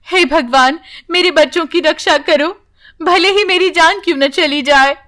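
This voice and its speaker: A woman's voice: extremely high pitch, measured pace, bright, forceful tone, pitched above the performer's own voice, full character voice. A woman voicing a poor, devoted mother in a storybook tale, tender and reassuring with her children. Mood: desperate. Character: poor devoted mother, worried but protective.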